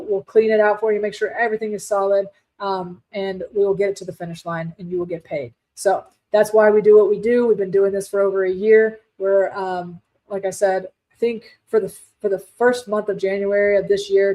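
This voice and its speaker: Woman host, casual live-stream talk, chatty with fillers, firm and direct, mid pitch. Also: little pitch movement, a little fast, dark tone, low-quality recording. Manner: chatty, many fillers and restarts. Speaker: livestream host, real estate wholesaler.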